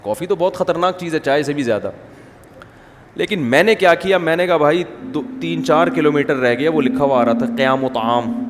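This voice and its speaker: A man's voice: a little high, in a large hall, noisy background. Man preaching with wry humor. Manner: animated storytelling, rhetorical questions, jokes. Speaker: Islamic preacher. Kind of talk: sermon with humorous anecdotes.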